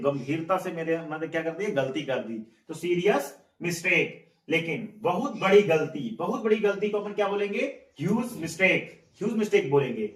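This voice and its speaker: A man teaching a spoken English lesson, repeating words and quizzing his listeners as he goes. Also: high voice. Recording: echoey room, mic at a distance.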